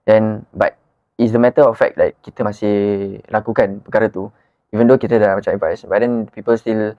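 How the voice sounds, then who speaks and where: Low-voiced man, Malay-English slang. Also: steady tone, a little fast, no echo, lo-fi sound. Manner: colloquial Malay-English slang mix with "lah" particles. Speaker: guest, wedding photographer. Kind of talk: casual podcast conversation.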